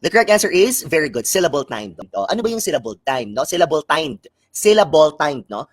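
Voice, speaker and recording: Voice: mid-range voice, very animated, fairly quick, slightly rough, no echo. A speaker from the Philippines with a Filipino accent, giving a live-streamed exam review lecture that mixes Filipino and English, often tagging sentences with a questioning "no?" and explaining terms through examples.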